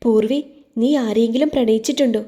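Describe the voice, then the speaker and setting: A woman voices a young woman in a storybook, weighed down by guilt and close to tears. She pleads softly, her voice slightly high and warm. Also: steady tone, brisk, lightly acted. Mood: pleading. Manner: pleading, soft.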